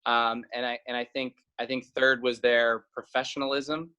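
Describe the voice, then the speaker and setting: Speaking as an interview guest, a South Carolina man who founded a company answers conversationally, a bit hesitant and prone to repeating words. He talks at normal speed in a mid-range, flat, sharp, clean voice.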